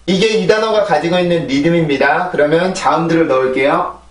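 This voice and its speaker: A man with a fairly high voice runs an online pronunciation lesson, patiently repeating sounds and words several times each. He sits a little back from the mic, and the room adds a clear echo. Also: fairly quick, recorded from a distance. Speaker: English pronunciation teacher. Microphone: small clip-on mic with phone camera.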